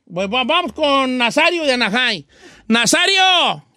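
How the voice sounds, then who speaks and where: A man puts on a cranky old Mexican radio host with a Mexican accent. His voice sits very high and cuts through with a bright, dry edge. He teases callers and quizzes them in quick slangy banter. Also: big pitch swings, dry recording, heavily acted. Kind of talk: comic radio show banter.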